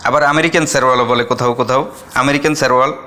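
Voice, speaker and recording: A young man teaching a vocabulary lesson, saying each word and then repeating its meaning slowly. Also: medium pitch, steady tone, pushed and bright. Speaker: Arabic language teacher.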